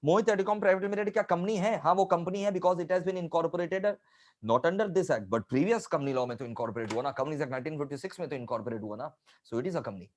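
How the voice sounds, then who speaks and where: A man's voice: on the high side, brisk. A man teaching a live online revision class, emphatic, repeating key points and adding scolding asides to his students.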